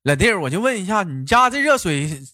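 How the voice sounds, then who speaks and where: A man with a Northeastern Mandarin accent hosting a comedy show, telling jokes in a lively, bantering way. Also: high voice, a little fast. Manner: lively, bantering, breaks into laughter. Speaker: comedy podcast host. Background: background music.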